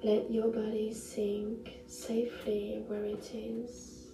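A woman narrating a guided meditation in the gentle, hushed, unhurried manner of a sleep story narrator, with long pauses. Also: on the high side, monotone. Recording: roomy echo, distant mic, music behind. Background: music.

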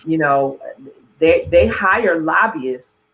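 A host in casual conversation, explaining points in a measured way. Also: medium pitch, animated, fairly bright tone, slight background noise, low-quality recording.

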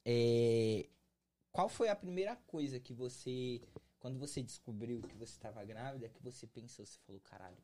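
A man's voice: mid-range voice, moderate pace, dark tone, a little hiss or hum. A man with a Brazilian Portuguese accent, hosting a casual interview and asking loose questions full of slang. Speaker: podcast host.

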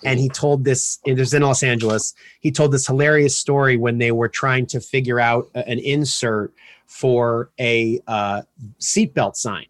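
A man's voice: mid-range voice, steady tone, unhurried, dry recording. A man hosting an interview in a casual, enthusiastic way, often stumbling and restarting his sentences. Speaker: podcast host interviewer.

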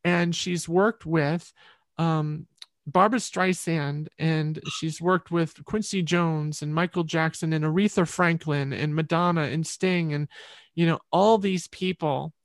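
A woman guest telling an animated personal story in an interview over a video call, acting out the voices of people in it. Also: sits low, measured pace, dry recording. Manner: expressive, acts out quoted voices.

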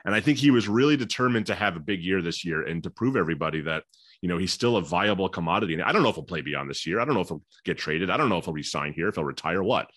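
A man co-hosting a casual hockey podcast, telling stories quickly and animatedly and slipping into quoted voices. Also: low-pitched, expressive, a bit bright, no room sound, studio quality. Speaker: hockey beat reporter and podcast co-host. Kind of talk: casual sports chat.

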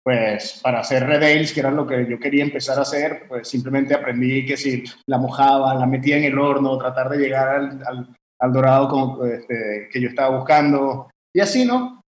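In a warm room with fans going, a guest brewer from Venezuela chats through his story in a conversational interview, talking at normal speed in a medium-pitched voice. He wanders, restarting often and leaning on fillers. The echoey recording carries a faint hum.

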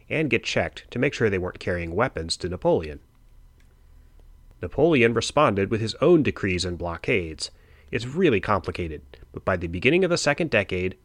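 Male history narrator, lowish voice, dry close sound, chatty and wry. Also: a bit bright, no echo. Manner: conversational, wry asides. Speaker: history podcast host. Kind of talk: casual scripted history narration.

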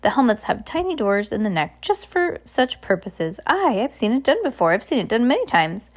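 A woman's voice: fairly high pitch, very animated, voice pushed up. A woman voicing a hyper, blustering male submarine captain in a children's storybook, rambling, exclaiming and contradicting themselves. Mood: bustling, rambling. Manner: rambling, self-contradicting, exclamatory rapid-fire talk. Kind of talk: children's storybook read aloud.

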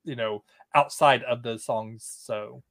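A man's voice: mid-range voice, fairly even intonation, slow, fairly bright tone. A man co-hosting a podcast in casual chat, rambling with many fillers. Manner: rambling, filler-heavy, restarts. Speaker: podcast co-host.

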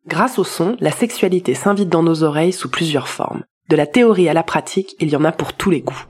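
Woman, podcast review host, husky, slightly low voice, scripted presentation. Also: fairly quick, a little mellow.

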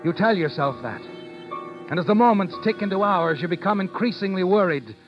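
A high-pitched, animated male voice, captured in a muffled recording, narrates briskly in the style of old-time radio suspense. Playing a menacing narrator, he goads the guilty woman directly with sharp questions in the second person while dramatic music plays behind him.

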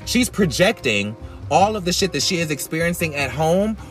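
A man giving sassy, emphatic, opinionated casual commentary as a podcast host, talking loudly as if to be heard over rain. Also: a little high, big pitch swings, moderate pace. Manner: emphatic, sassy, swearing freely. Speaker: podcast host reviewing reality TV. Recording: iPhone recording with background music. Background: rain and music.

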